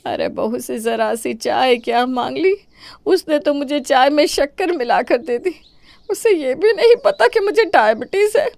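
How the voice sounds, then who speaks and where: A woman's voice: high-pitched, expressive, measured pace, gravelly, darkish tone, no echo, voice pushed up, heavily acted. A woman voicing a scheming, melodramatic older mother-in-law who wails and complains theatrically in a cartoon. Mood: wailing.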